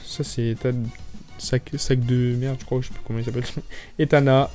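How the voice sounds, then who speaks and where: A young man with a French accent chatting excitedly to viewers, stumbling over his words as he opens card packs. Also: medium pitch, normal speed, soft background music. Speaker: YouTuber opening card packs. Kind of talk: casual excited chat.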